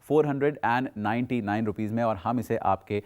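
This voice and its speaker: A man's voice: mid-range voice, a little fast, darkish tone. A man presenting a product demonstration as a persuasive teleshopping salesman, talking off the cuff and slipping in English phrases. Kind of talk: unscripted product demonstration pitch.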